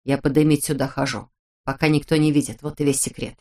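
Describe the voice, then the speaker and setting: A woman narrator voicing a sly, self-assured young woman who teases her friend in a low, hushed way in an audiobook. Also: flat delivery, quick pace, lightly acted. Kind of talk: audiobook character voice.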